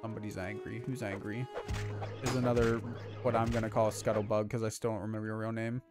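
A man's voice: lowish voice, little pitch movement, fast, over loud music. A young man casually chatting with his viewers as he streams a game, rambling along with lots of filler words. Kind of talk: casual live-stream chat while playing.

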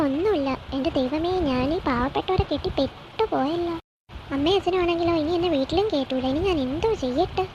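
A woman's voice: high voice, vocal fry. A woman voicing a spoiled, whiny rich young bride. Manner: whiny, petulant complaining. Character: spoiled rich young daughter-in-law, complaining and demanding. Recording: dull lo-fi with faint hiss.

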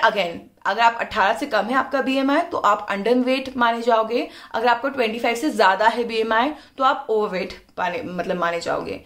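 Young woman, Indian English accent, unhurried, mid-pitched, advice vlog, switches between Hindi and English, camera close-up indoors. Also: a bit bright. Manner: mixes Hindi and English, frequent "ठीक है" check-ins, explanatory. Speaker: former cabin crew giving career advice. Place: indoor room, plain wall.

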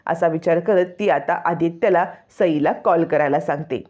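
A woman narrating a serial's plot in a steady storytelling manner. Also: fairly low pitch, moderate pace. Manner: steady narration with inline voices. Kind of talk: dramatic story retelling.

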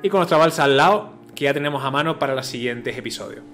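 A man's voice: medium pitch, expressive, fast talker, fairly bright tone, soft background music. A man, a gaming video host giving casual gameplay commentary, chatty and thinking aloud with repeated filler words.

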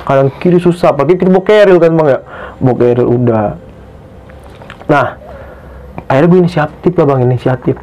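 A young man tells a true ghost story from a hike as a guest in casual talk. He gets excitable and keeps addressing the host as "Bang". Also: brisk, pauses often. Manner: excitable, pitch jumps when tense, keeps calling the host "Bang". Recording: dull lo-fi podcast recording.

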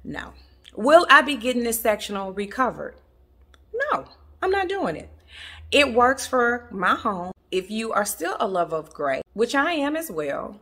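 A woman's voice: lowish voice, sharp tone. A woman chatting to camera from her home about interior design, emphatic and chatty, laughing often and calling her viewers y'all. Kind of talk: casual chat to camera. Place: at home in a family room. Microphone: camera in the room.

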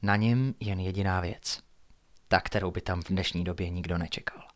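A man reading his own horror story aloud in a hushed, suspenseful way, sometimes dropping to near-whispers. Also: deep voice, fairly even intonation.

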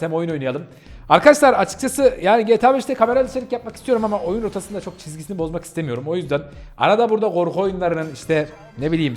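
A man talking casually over gameplay with a fairly high voice that swings widely in pitch. He chats to his viewers in an excitable way, breaking into yelps and laughs as the action picks up. Faint game music plays behind him. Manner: excitable, chatty, bursts into yelps and laughter while playing. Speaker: gaming channel host.

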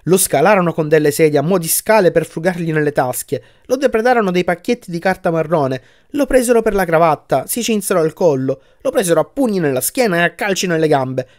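Guy narrating an audiobook, calm and measured, soft delivery. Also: fairly high pitch. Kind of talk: audiobook reading.

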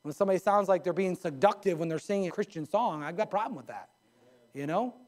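Pastor guy in his 40s preaching at a pulpit, kinda high voice, gets loud and animated. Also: fast. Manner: animated, gesturing at a pulpit, mimics others in a raised voice. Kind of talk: sermon. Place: church sanctuary, indoors. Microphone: pulpit mic.

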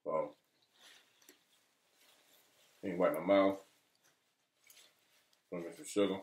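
Low-voiced man chatting while eating. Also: fairly even intonation, takes it slowly, darkish tone. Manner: laid-back, low-key, mumbling between bites. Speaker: mukbang co-host. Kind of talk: casual chat while eating. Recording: roomy, mic far off.

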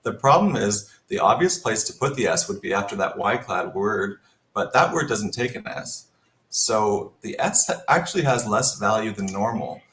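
A man's voice: fairly low pitch, lively intonation, moderate pace, fairly bright tone, echoey room. A man commentating a Scrabble match, analytical and thinking aloud about each move. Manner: analytical, thinks aloud while reading the board. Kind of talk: live game commentary.

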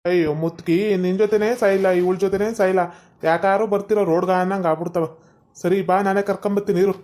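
A fed-up young husband played by a woman with a North Karnataka Kannada accent, snapping back quickly in an ordinary mid-pitched voice. He scolds with short, exasperated bursts, the way a man in a comic village family skit would. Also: fairly even intonation, warm tone, lightly acted.

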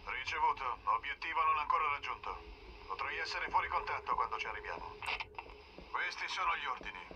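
A man playing a stern, steady middle-aged starship captain in a dubbed sci-fi game, giving measured orders over a military radio. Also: medium pitch, muffled recording, a little hiss or hum. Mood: grave, resolute. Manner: measured, authoritative. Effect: military radio transmission.

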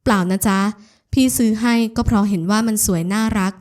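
Doting flirt, coaxing and teasing, mellow, voiced by a woman. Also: medium pitch, fairly even intonation, a little fast, close to an everyday voice. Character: tall flirtatious woman, sweet-talking and doting.

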